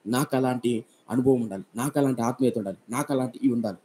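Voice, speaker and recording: A man preacher voicing a poor teenage boy who pleads tearfully with God, in a lower, softer tone. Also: quick pace, slight background noise, close to an everyday voice. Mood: tearful pleading.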